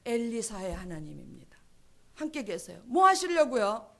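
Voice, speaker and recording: A woman's voice: on the high side, very animated, moderate pace, vocal fry. A woman preaching a sermon at a church service, emphatic and full of rhetorical questions. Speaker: pastor's wife preaching.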